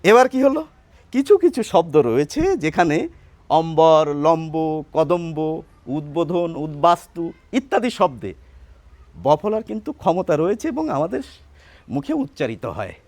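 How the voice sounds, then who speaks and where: A man's voice: on the high side, very animated, normal speed, a little mellow, no room sound. A man teaching a pronunciation lesson, patiently explaining and asking his listeners questions, then answering them himself.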